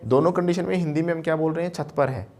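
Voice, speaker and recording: A man's voice: a little high, very fast, darkish tone. A man teaching an English class, keeps asking the class questions and mixes Hindi with English. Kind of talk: classroom lesson.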